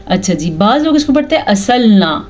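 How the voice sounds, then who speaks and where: A woman's voice: sits high, very animated, darkish tone. Woman patiently teaching Quran recitation. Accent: Pakistani Urdu. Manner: explains rules, then recites verses slowly and drawn out. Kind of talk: patient step-by-step recitation lesson.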